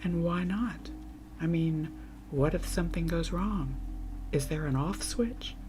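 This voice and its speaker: A woman's voice: fairly low pitch, unhurried, mellow, soft background music, natural voice. A woman playing a sardonic scientist in an ASMR role-play, dry, questioning and challenging. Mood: skeptical. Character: skeptical, sardonic scientist, creator of an AI.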